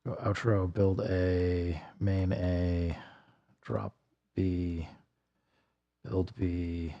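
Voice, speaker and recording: This producer's casual livestream walkthrough has him thinking aloud and correcting himself as he builds a track, his voice slightly going and a little worn. He is low-pitched, flat, very slow and mellow, with music behind him and the highs cut off.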